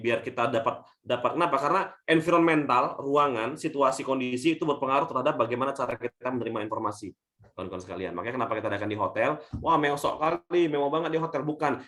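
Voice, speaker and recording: Over a video call, an Indonesian man coaching on leadership gives a webinar talk, his voice alternating between loud and soft. He frequently calls the audience friends and mentions that his natural voice is thin and shrill.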